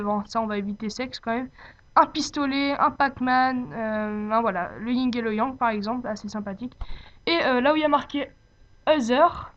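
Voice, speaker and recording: A woman with a fairly high voice presents a casual software tutorial. She talks off the cuff and often hesitates to find the next word. The sound is dull and lo-fi, like a cheap home microphone. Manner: hesitant, searching for words. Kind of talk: informal unscripted software tutorial.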